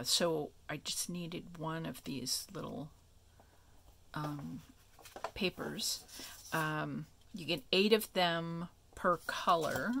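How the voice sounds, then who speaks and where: A woman hosting a craft tutorial, explaining each step in a relaxed, chatty way with many ums and asides. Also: on the low side, vocal fry, a little hiss or hum. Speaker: craft video host.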